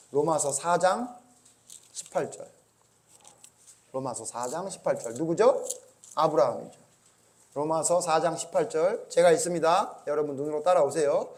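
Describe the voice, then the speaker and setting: A man's voice: on the high side, darkish tone. A male pastor giving a conversational church sermon, often asking the congregation rhetorical questions. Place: church service.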